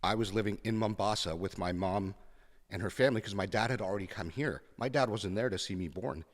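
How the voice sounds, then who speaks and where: A man in his fifties with a deep voice talks as a podcast guest, blunt and frank, pausing on fillers as he tells his story. A long reverb hangs on his words, as if the room rings. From Kenya. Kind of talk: conversational interview.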